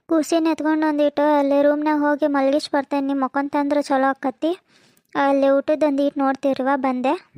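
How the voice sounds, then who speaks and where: A woman voicing a busy, practical village housewife in a cartoon, speaking briskly with a North Karnataka Kannada accent. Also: high-pitched, level tone, a little mellow, dry recording, lightly acted. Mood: matter-of-fact. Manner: brisk, explaining, motherly. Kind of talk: cartoon comedy voice acting.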